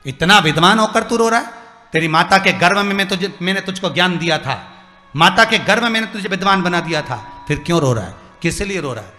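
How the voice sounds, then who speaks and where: A man's voice: high-pitched, lively intonation, a little fast, bright, forceful tone, long reverb tail, soft background music. A man voicing an old male divine sage who speaks in a fatherly, coaxing way during a devotional story. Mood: concerned. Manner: fatherly, coaxing, calls the boy "tu".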